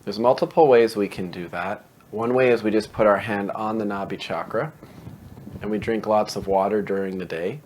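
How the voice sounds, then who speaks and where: A man hosting a meditation show, explaining calmly and conversationally and posing rhetorical questions. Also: lowish voice, moderate pace, a little hiss or hum.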